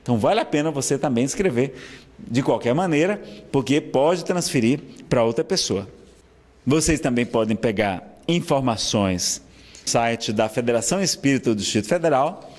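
A man's voice: mid-range voice, lively intonation, normal speed, darkish tone. A man with a Brazilian accent giving a spiritist talk, earnest and persuasive, often checking in with his listeners. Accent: Brazilian Portuguese. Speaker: spiritist speaker. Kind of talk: lecture announcement.

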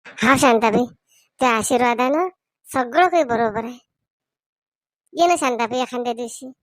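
A woman's voice: a little high, normal speed, dry recording, pitched below the performer's own voice, natural voice. Kindly village brother, voiced by a woman, coaxing, dry close sound. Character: kindly middle-aged village man, the brother.

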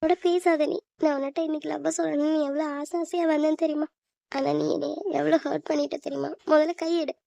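A woman's voice: high voice, little pitch movement, fast talker, gravelly, mellow, dry recording. Woman voicing a lovesick tearful young woman. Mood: hurt. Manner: plaintive, sulky and hurt. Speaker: voice actor. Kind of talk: cartoon voice acting.

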